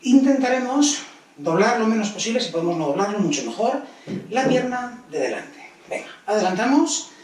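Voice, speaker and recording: A male fitness instructor leading a guided exercise class, counting repetitions aloud and giving brisk, encouraging cues. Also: sits high, sing-song, darkish tone, slight background noise. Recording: very echoey room, voice distant from mic.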